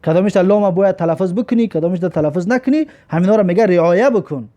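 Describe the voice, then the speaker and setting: A man with a Tajik accent teaching a recorded language lesson. He reads each word slowly, then explains its meaning in a lower voice. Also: dark tone, highs cut off. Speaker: Arabic teacher.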